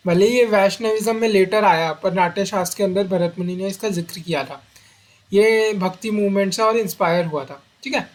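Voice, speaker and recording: A man's voice: high-pitched, normal speed. A man teaching an exam-prep lecture, often repeating key terms as memory drills and slipping into English phrases.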